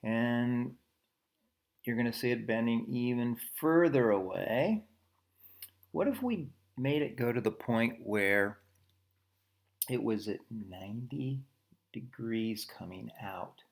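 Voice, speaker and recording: Male physics teacher, mid-pitched, gravelly, chatty lecturing with frequent "okay"s and quick self-corrections. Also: animated. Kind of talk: recorded physics lecture while drawing diagrams.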